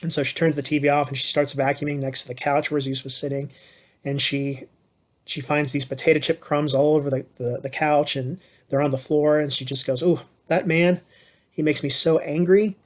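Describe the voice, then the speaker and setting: A man's voice: mid-range voice, level tone, fairly quick. A male teacher retelling a myth to his class in a loose, conversational way, full of fillers and restarts. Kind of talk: casual storytelling lesson.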